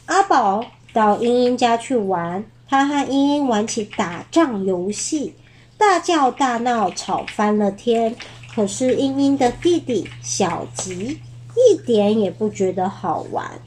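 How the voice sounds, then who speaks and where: A woman reading a picture book aloud to a child, gentle and unhurried, stopping now and then to ask questions. Her voice sits fairly high, and she takes her time over each phrase. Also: expressive, slight background noise. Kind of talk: storybook read-aloud.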